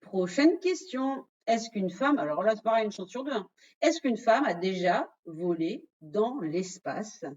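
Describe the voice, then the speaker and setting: A woman hosts an online quiz, putting questions to her audience and walking through the answers in a lively, direct way. Her voice sits at a middling pitch. The audio has the slightly dull sound of a video call microphone. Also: slightly rough. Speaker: webinar presenter running a quiz. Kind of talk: interactive online quiz presentation.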